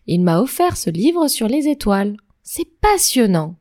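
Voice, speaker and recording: A woman voicing a bored, bookish young princess who speaks in a high, airy, dismissive way. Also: sing-song, a little slow, a little mellow, no room sound, studio quality. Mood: airy defiant.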